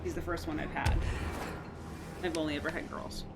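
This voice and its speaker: A woman's voice: low-pitched, level tone, fairly quick, loud music behind the voice. A woman chatting playfully on a home game stream, talking about her cat. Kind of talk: casual live-stream chat.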